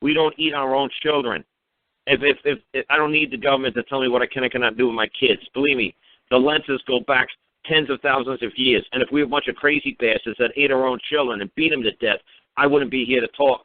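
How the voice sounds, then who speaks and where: Over a narrow-band internet radio call, a man advises a caller in a blunt, swearing rant full of mocking rhetorical questions. His medium-pitched voice stays fairly even in intonation and moves fast, with no echo.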